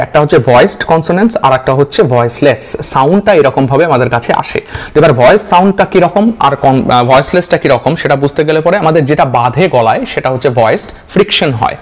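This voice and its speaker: A man, teaching a slide-based pronunciation lesson, patiently repeating example sounds one by one. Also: medium pitch.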